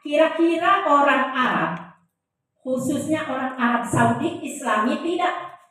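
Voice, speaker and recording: A woman's voice: high voice, expressive, unhurried, a bit bright. A woman lecturer teaching a class in a joking way, quizzing her audience with questions. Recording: very echoey room, voice heard from a distance.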